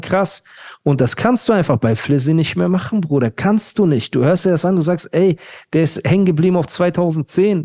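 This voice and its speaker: A man's voice: fairly high pitch, mellow. A man hosting a casual rap podcast, ranting emphatically and repeating himself. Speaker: podcast host.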